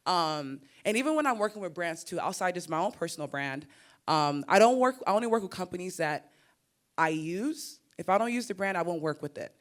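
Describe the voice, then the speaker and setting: Speaking a little fast in a lowish voice, a young creator on a summit panel talks with a Nigerian-American accent. She's lively and expressive, laughing and repeating words as she addresses the conference.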